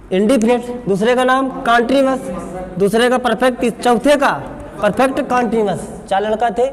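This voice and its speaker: A male English teacher, lecturing a class and asking questions that he answers himself. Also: very high-pitched. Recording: echoey classroom with faint background noise.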